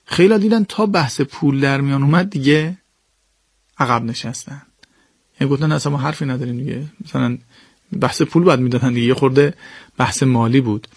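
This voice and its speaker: A man giving an animated religious talk, explaining verses to his listeners with lively swings in pitch and pace. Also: no echo, studio quality. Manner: addresses listeners directly and politely.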